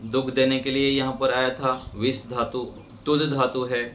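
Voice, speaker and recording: Male teacher, slow and patient; reads sentences word by word over light background noise. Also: mid-range voice, flat delivery, a bit bright. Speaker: Sanskrit teacher. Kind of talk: slow classroom grammar lesson. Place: ashram classroom with birds outside.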